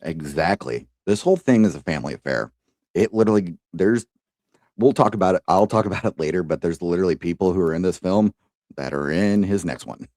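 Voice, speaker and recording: A man's voice: low-pitched, expressive, fairly quick, a little mellow, dry recording, clean studio sound. A man co-hosting a podcast in casual chat, enthusiastic, laughing and swearing freely. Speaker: podcast co-host.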